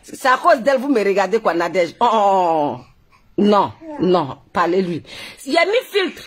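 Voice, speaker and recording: Animated Ivorian woman ranting on a live stream. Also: mid-range voice, moderate pace. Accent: Ivorian French. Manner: animated, laughing, mocking, scolding. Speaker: Facebook live blogger. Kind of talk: heated live-stream rant. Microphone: phone on a live stream.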